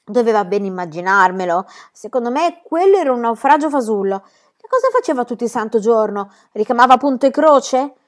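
A woman's voice: a little high, very animated, brisk. A woman voicing a bold, cheeky young girl who exclaims playfully.

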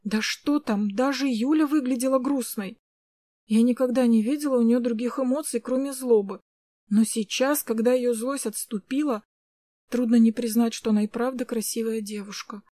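A woman narrating a first-person story, reading it aloud in an even storytelling manner. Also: a little high, normal speed, no echo.

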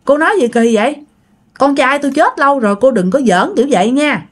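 A woman's voice: high-pitched, animated, quick pace, pitched above the performer's own voice. Raised, scolding older mother, disbelieving, woman storyteller doing her. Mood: agitated. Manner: agitated, scolding.

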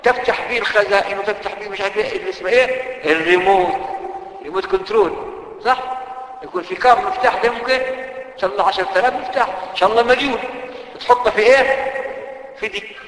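A man with an Egyptian accent preaching a sermon, lively and full of rhetorical questions to his listeners. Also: high-pitched, very fast, pauses often. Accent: Egyptian Arabic. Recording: echoey hall with long reverb.

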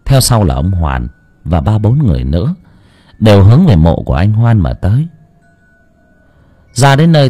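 Lively husky male storyteller. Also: lowish voice. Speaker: audiobook narrator. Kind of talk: scripted story narration.

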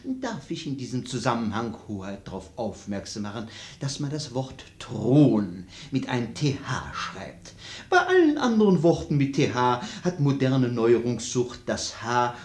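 An actor playing a deferential, pompous royal tutor in a radio play, speaking in a stiffly formal, aristocratic German manner with ornate phrasing. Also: male voice, medium pitch, big pitch swings, measured pace, a little mellow, roomy sound.

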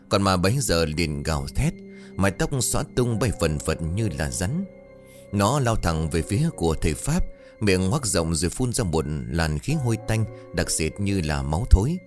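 A man narrating a horror story in a dramatic, suspenseful way. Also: deep voice.

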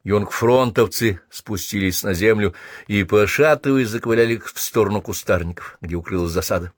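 A man reading a first-person story aloud as an audiobook narrator, measured and even. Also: on the low side, no room sound, studio quality.

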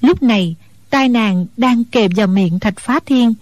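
A woman narrates a martial-arts novel in a steady, even storytelling voice. Her pitch sits a little high. The recording is dry and close. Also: measured pace, dry recording.

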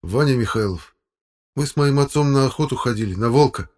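A man voicing a scrappy, angry teenage schoolboy in an audiobook, loud and sulky. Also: medium pitch, brisk, voice pushed up, natural voice.

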